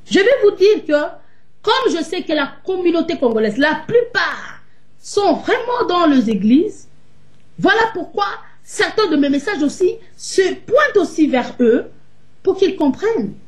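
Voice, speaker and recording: Over a webcam on a video call, a woman delivers sermon-like teaching emphatically, leaning on rhetorical questions. Her voice is very high and sing-song, and she speaks unhurriedly.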